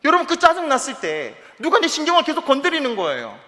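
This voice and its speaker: A man preaching with a very high, bright voice that swings widely in pitch. His delivery is animated, and he drops to quiet asides now and then. The sound carries a long hall reverb from the church sanctuary. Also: fast. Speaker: pastor. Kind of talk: sermon.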